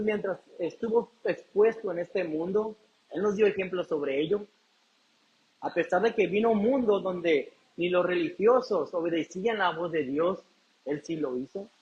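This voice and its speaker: Male pastor, high voice, preaching with call-and-response questions; muffled lo-fi sound. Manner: preaching, asks the congregation questions and answers them. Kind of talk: sermon.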